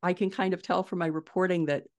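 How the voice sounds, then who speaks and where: A fast-talking middle-aged woman with a lowish, fairly even voice is a podcast guest and indie fiction author. She speaks by video call from a small furnished room in her home, answering conversationally, explaining, and pressing on key points.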